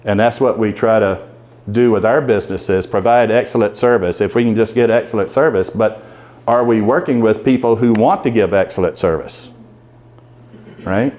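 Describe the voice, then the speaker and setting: A man's voice: fairly low pitch, normal speed, a little mellow. A man giving a conversational leadership talk to a club audience, asking them questions as he goes. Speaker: guest speaker at a club meeting.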